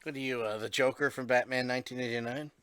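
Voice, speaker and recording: A man's voice: mid-range voice, steady tone, fast, fairly bright tone, smooth. A man in his thirties hosting a casual podcast, teasing his guest and laughing easily. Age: 30s. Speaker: host.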